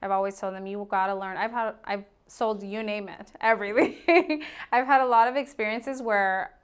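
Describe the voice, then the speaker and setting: Her voice is mid-range, clear and resonant, and she talks at a normal speed. The speaker is an Arizona real estate agent in her thirties, appearing on a casual podcast interview where she's open, chatty and laughs easily.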